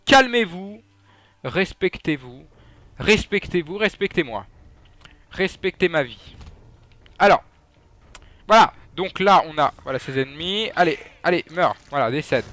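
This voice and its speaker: A man's voice: a little high, expressive, measured pace, pauses often, fairly bright tone, no echo. A young man giving casual, joking gameplay commentary, trash-talking enemies and swearing. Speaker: gaming YouTuber.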